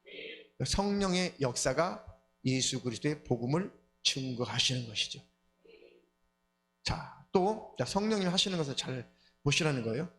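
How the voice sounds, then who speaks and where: A male pastor preaching a sermon, telling stories with lively acted-out prayers and quotes. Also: mid-range voice, moderate pace, long pauses, faint music behind. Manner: animated storytelling, acting out prayers and quotes. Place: church sanctuary.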